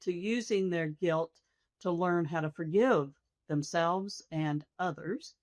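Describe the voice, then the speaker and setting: An older woman, a hospice nurse, answering interview questions reflectively in a soft, slow, thoughtful, measured manner. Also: fairly low pitch, dry recording.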